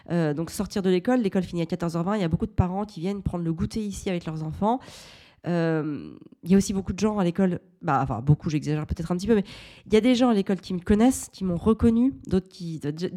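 A woman in her thirties hosts a parenting podcast and tells a personal story in a low, mellow voice. Her delivery is candid and reflective, and she often restarts her sentences.

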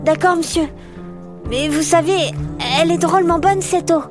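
A woman's voice: very high-pitched, steady tone, moderate pace, over music, voice pushed up. A woman voicing a cheeky, carefree little boy who calls out cheerfully.

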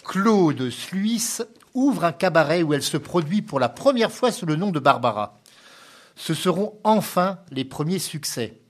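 A male radio host with a slightly high voice narrates a singer's biography between songs. His delivery is steady and scripted, the measured manner of a presenter reading from notes.

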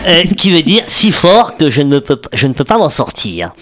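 Male radio columnist, fairly high, very lively pitch, playful, laughs at his own jokes. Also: moderate pace. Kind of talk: comic radio segment. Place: radio studio.

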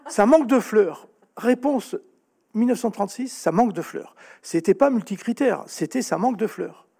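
A man speaking as a guest author in an interview, explaining at length with animated storytelling and frequent restarts. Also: high voice, normal speed, vocal fry, breathy edge.

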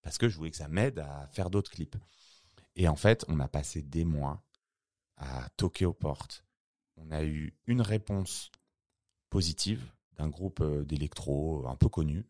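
Homme à la voix très grave, bavard. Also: male voice, extremely low pitch, a little slow, warm tone. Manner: slangy, rambling with many fillers and restarts. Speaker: filmmaker guest. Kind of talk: casual interview chat.

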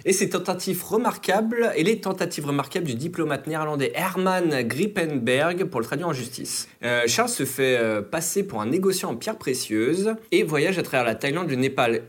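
A man's voice: on the high side, expressive, normal speed, hardly any pauses, slightly rough. A man hosting a casual chat, reading out details and then leading the discussion. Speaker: host.

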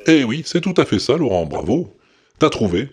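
A man hosting a podcast, reacting to listener answers with jokey, relaxed banter. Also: medium pitch, moderate pace. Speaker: podcast host. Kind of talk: casual radio-style chat.

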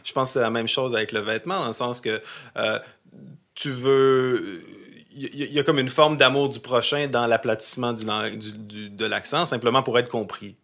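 A man with a Québécois accent, talking in a thoughtful conversation with halting restarts. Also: medium pitch, steady tone, a bit bright. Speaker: guest. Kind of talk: casual conversation.

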